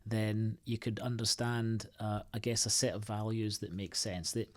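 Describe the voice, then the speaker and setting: Halting, low-voiced man being interviewed. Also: flat delivery. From United Kingdom. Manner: halting, many restarts and fillers, thoughtful. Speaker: podcast guest, IT consultancy co-founder. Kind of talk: casual interview answers.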